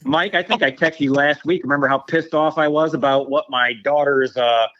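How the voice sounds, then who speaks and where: A man's voice: on the high side, steady tone, normal speed. A man telling a story in a casual podcast conversation, acting out the voices of the people he quotes. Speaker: veteran guest. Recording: dull lo-fi sound.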